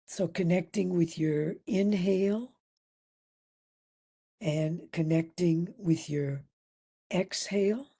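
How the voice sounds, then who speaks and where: With a lowish voice, a woman leads listeners through a guided meditation as their instructor. The mood is gentle and soothing, with long silences and breathiness that now and then approaches a whisper.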